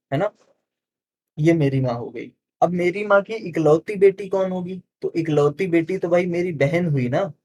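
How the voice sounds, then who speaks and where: A man teaching exam reasoning questions in a chatty way, calling viewers friends, checking they follow and slowing down to read out each statement. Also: a little high, a little mellow. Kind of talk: explaining solved exam questions.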